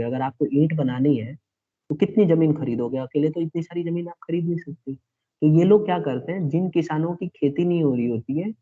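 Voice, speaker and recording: A male teacher giving a classroom lecture, explaining step by step and often checking whether students follow. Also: a little high. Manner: explanatory, asks checking questions. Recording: tinny phone-like online class audio.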